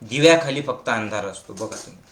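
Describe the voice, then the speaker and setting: A man's voice: lowish voice, lively intonation, fairly quick, echoey room. A man giving a spiritual discourse as a teacher. He speaks emphatically, repeats short slogan-like phrases and keeps asking listeners whether they follow.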